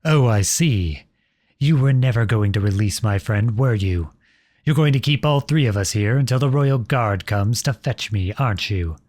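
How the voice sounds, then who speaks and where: A man's soft, husky, lowish voice carries a defiant, bitter mood as he plays an outlawed young prince, noble, protective, and devoted to his beloved, in an earnest, dramatic ASMR audio roleplay. He addresses unseen listeners directly with lively intonation at a moderate pace, recorded close and dry on a studio-style microphone without echo.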